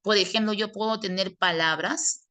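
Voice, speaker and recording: A woman teaches a grammar class in an online lecture, her mid-range voice pushed and bright at a normal speed. She explains patiently and answers questions she poses in her students' voices.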